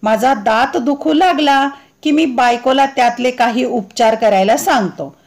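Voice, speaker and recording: A woman teacher reading a humorous textbook essay aloud with clear, deliberate recitation. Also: a little high.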